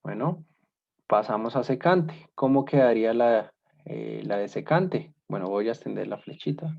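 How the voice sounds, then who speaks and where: A man's voice: lowish voice, sing-song, normal speed, gravelly. Patient man teaching math, dull recording. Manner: checks in often with "¿listo?" and "¿cierto?"; patient, step-by-step explaining. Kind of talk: online math class.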